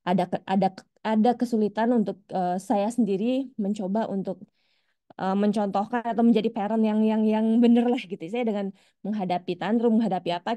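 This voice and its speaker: Hesitant woman with a mellow voice. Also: mid-range voice, no echo. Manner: rambling, hesitant, many restarts. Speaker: parent asking a question. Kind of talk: casual spoken question on a call.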